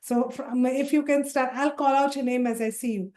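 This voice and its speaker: A woman's voice: high voice, steady tone, normal speed, mellow. A woman facilitating an online leadership workshop, calling out participants' names and introducing the session. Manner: friendly, calls out names one by one. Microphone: video call.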